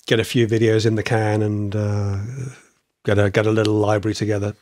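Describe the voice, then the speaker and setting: Casting: male podcast host, a bit wheezy and croaky, rambling casual talk, very dry close sound. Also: on the low side, completely flat delivery, fairly quick, a little mellow, no room sound. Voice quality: slightly wheezy, a little croaky. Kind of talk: casual chat.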